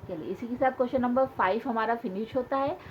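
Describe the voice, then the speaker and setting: A woman's voice: on the high side, fast talker. A woman teaching a school maths lesson, patiently repeating key points and asking questions as she explains. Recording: dull lo-fi sound with faint hiss.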